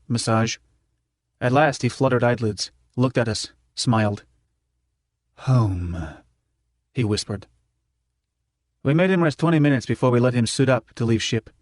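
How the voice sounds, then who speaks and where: A man's voice: medium pitch, dry recording. A man narrating an audiobook in a clipped first-person voice that drops its articles. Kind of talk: scripted narration.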